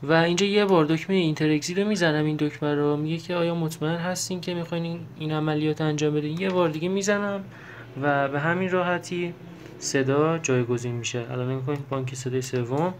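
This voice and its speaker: A man with a slightly high voice walks through a keyboard's buttons in a relaxed tutorial, stopping to fill gaps and fix his own words. Faint keyboard music plays under his explanations. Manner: explains while pressing buttons, with many fillers and self-corrections. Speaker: keyboard teacher. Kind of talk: casual step-by-step tutorial.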